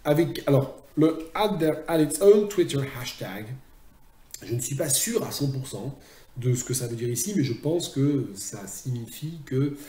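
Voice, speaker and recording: A man's voice: medium pitch, animated, moderate pace, dark tone, reverberant. A man teaching translation in a recorded video lecture, chatty and self-mocking, often drifting into asides.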